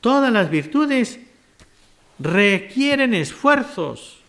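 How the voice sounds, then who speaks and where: A man's voice: high-pitched, sing-song, very slow, a bit bright. A man preaching a sermon, retelling scripture stories and asking his listeners rhetorical questions.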